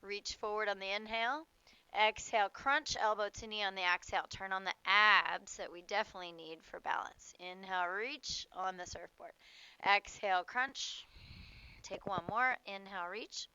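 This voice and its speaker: A woman instructor guiding a warm-up yoga class outdoors, giving short cues for moves and breath in a casual, playful way. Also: medium pitch, normal speed, smooth, dry recording, highs cut off.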